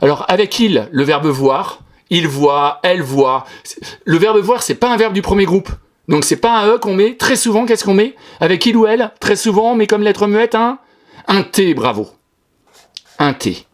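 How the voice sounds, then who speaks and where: A man's voice: high-pitched, animated, moderate pace. A man teaching a class, correcting a pupil's written text line by line in an encouraging, sing-song way. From France. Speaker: primary school teacher.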